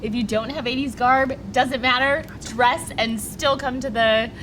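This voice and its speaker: A woman's voice: high voice, steady tone, measured pace, background noise. A woman hosting a morning lifestyle show aboard a cruise ship, bubbly and enthusiastic as she runs through the day's events. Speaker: show host. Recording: music playing underneath.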